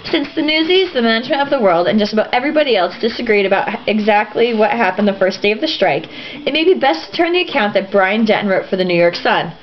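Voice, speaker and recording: A woman reads a novel aloud with sarcastic, giggly irreverence, tripping over sentences and slipping into offhand asides. Her voice is a little high with lively intonation and she talks fast. It's a dull lo-fi home recording with some noise.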